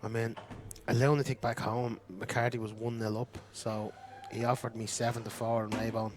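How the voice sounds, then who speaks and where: A middle-aged Irish man calls a pool match with loose, boastful banter. His voice sits at an ordinary pitch, and a faint hum of noise runs underneath. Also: level tone, moderate pace. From Ireland. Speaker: commentator. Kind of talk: casual pool commentary.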